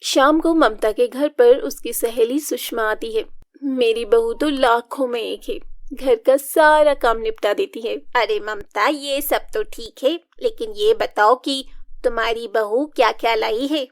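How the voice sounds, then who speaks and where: A woman's voice: a little high, measured pace, dry recording, clean studio sound. A woman narrating a family drama story, expressively reading all the female parts. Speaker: narrator voicing all women. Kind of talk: storybook narration with character voices.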